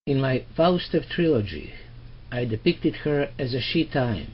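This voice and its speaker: A man, the filmmaker and author, speaking in earnest, measured reflective commentary. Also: mid-range voice, expressive. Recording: dull lo-fi with faint noise.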